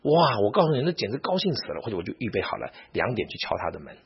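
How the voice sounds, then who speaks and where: A church elder tells a story in a sermon. He is animated, acts out quoted speech and often restarts his sentences. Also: fairly low pitch, fast, breathy edge. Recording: muffled lo-fi recording.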